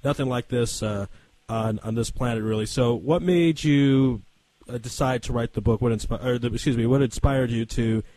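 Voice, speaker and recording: A man's voice: medium pitch, moderate pace, dark tone, no room sound, low-quality recording. A man hosting a sports radio show, asking questions in a friendly, conversational way with small hesitations. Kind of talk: radio interview.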